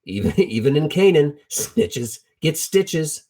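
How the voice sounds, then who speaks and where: This middle-aged preacher delivers a Bible teaching as a casual, colloquial story, leaning on repeated phrases to stress his points. His voice runs a little high and is very animated, slow-paced and warm.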